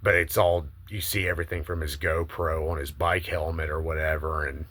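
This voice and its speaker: Eager, very deep-voiced man pitching a movie. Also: steady tone, fairly quick, fairly bright tone. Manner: eager, emphatic pitching with casual swearing. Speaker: video host pitching a movie idea. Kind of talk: casual opinionated monologue.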